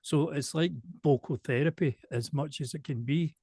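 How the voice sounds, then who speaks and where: A man from Glasgow with a softened Glaswegian accent, speaking slowly and precisely in a casual interview. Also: a little high, husky, no room sound. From Glasgow, Scotland. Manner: slow, careful, deliberate delivery with restarts. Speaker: show presenter and singer, interviewee.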